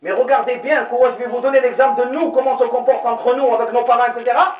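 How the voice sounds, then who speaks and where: High-voiced male preacher telling a story. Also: steady tone, fast. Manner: dramatic, storytelling, repeats phrases. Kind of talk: sermon told as a story. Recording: roomy, distant, dull, faint noise.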